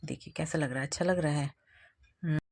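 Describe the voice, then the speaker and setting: A young woman chatting casually to her viewers in a home vlog, hurried and talkative. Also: low-pitched, a little mellow. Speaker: vlogger.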